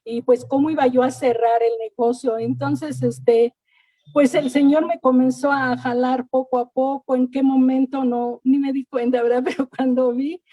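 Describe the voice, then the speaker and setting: A woman's voice: high-pitched, level tone, normal speed, mellow, no room sound. A middle-aged woman giving an earnest church testimony, often repeating words and thanking God. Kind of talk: personal faith testimony.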